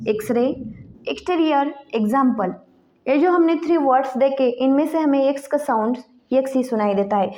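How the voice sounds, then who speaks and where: A woman teaching an English pronunciation lesson, slowly listing example words one by one. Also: high voice, darkish tone, highs cut off.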